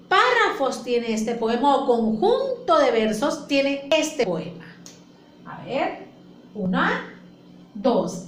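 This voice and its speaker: A woman's voice: sits high, a little hiss or hum. A woman teacher explaining a lesson to her class patiently, repeating points and asking questions. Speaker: primary school teacher. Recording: echoey room with faint ambience.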